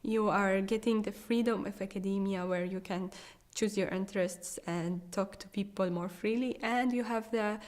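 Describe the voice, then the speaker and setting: This research assistant is a young adult from Syria, speaking English with a Syrian Arabic accent since Arabic is her native tongue. She replies to interview questions haltingly, full of fillers and restarts, in a medium-pitched, steady, slightly mellow voice.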